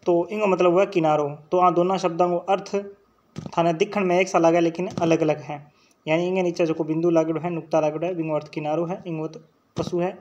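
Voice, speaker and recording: A man with a Rajasthani accent gives an exam-prep lesson in a high voice, sounding out letters one by one and pausing to check in with the class. The recording is dull and lo-fi. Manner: drills sounds aloud, checks in with "theek hai" often. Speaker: teacher. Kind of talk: online exam-prep lecture.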